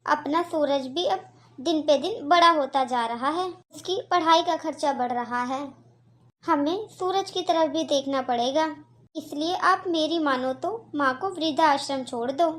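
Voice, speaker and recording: A high, thin cartoon daughter-in-law, voiced by a woman, bossy and scheming. She taunts and threatens in a cold, sneering tone. The voice sits well above the usual range. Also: a little slow, a bit bright. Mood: complaining. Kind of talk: cartoon voice acting.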